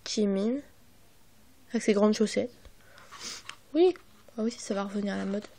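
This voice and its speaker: Recording on her phone, a young vlogger talks through a casual unboxing with a mellow, mid-range voice at a measured pace. She sounds hesitant and apologetic, uses many fillers and often drops to a half-whisper.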